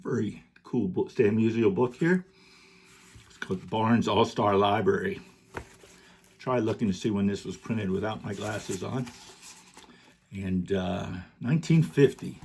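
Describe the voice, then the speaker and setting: Low-voiced man chatting casually over candy. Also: a little slow, vocal fry, pauses often, a little hiss or hum. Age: middle-aged. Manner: relaxed, joking, rambling with fillers. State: chewing candy while talking. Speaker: card collecting YouTuber. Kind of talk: casual vlog, showing gifts to camera.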